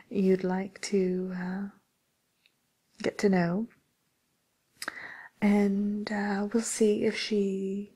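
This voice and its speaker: This ASMR roleplay has a woman as a tactful matchmaker for villains, talking in a soft whisper with polite, faltering service chatter. Her voice sits mid-range and sounds slightly rough.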